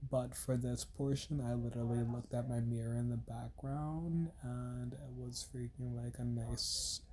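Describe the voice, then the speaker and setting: Stuffy and congested with a cold, this young man narrates a makeup tutorial as a beauty vlogger, rambling along and leaning heavily on the filler "like." His voice is mid-range and mellow, captured in a rough recording.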